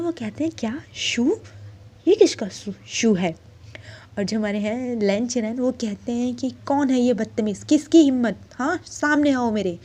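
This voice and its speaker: A woman's voice: a little high, warm tone. A woman chattily retelling a fan fiction story, laughing along as she narrates.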